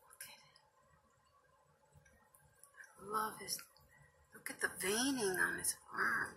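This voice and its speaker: An emotional woman gushing through a casual unboxing vlog, often dropping to a hushed whisper. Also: medium pitch, very slow, vocal fry, long pauses, a little hiss or hum, rough recording. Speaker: reborn doll collector.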